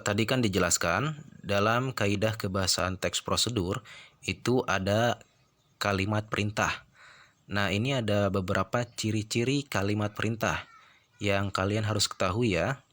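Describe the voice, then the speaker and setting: Low-voiced male teacher explaining step by step. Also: a bit bright. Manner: explains step by step, often adds "ya" and "nah". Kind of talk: classroom lesson.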